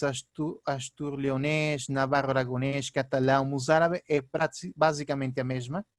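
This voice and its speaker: A male linguistics professor, lecturing through slides in a halting way, with many fillers and "ok?" checks. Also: fairly high pitch, no echo.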